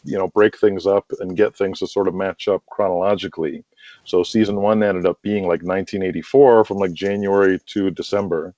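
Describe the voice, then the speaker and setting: A mellow, low male voice comes through dull lo-fi call audio with roomy echo. The speaker is being interviewed casually about writing his wrestling audio drama, and he goes on at length, leaning heavily on "you know" and "like."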